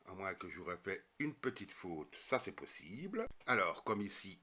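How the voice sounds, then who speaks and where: A man's voice: low-pitched, very animated, normal speed, pushed and bright, slightly rough. A man explaining a coding tutorial step by step, with many fillers and self-corrections. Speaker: programming tutorial teacher. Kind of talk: screen-recorded coding tutorial.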